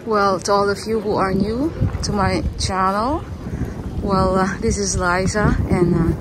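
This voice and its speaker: Woman vlogger, unhurried and halting, walking-tour narration, recorded outside with clear street noise. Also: mid-range voice, steady tone. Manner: hesitant, many filler pauses. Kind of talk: casual narration while walking. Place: outdoors on busy city streets.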